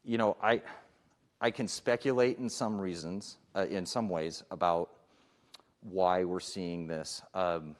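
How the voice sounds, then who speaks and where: A man's voice: low voice, fairly even intonation, slow pace. A middle-aged man, a police chief, giving a conversational presentation at a public forum, with frequent fillers and restarts.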